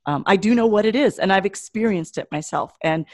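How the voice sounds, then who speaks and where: A woman's voice: mid-range voice, lively intonation, fairly quick, darkish tone, no echo, clean studio sound. A middle-aged woman with a Michigan accent, chatting casually as a podcast co-host. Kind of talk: casual scripted-topic podcast chat.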